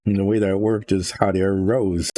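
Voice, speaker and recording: An older man hosting a relaxed painting show, rambling and thinking aloud from his workshop as he works. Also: sits low, normal speed, dry recording. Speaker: hobby painting host. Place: home workshop.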